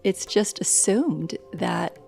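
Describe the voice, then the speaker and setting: A woman in her sixties, a yoga instructor and life coach, giving a slow, reflective and candid interview in a yoga studio. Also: lowish voice, expressive, vocal fry, faint music behind. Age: 60s. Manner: slow, thoughtful, warmly candid.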